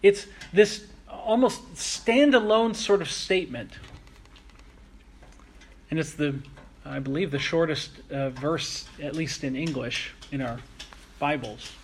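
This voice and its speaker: A man preaching a sermon, earnest and reflective, slowing down to stress key phrases. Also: a little high, lively intonation, a little hiss or hum. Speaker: pastor.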